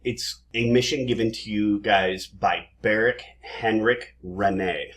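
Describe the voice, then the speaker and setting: A man's voice: fairly low pitch, slow pace. A man acting as game master, chatting casually and laughing often as he rambles through the setup. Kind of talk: casual tabletop game chat.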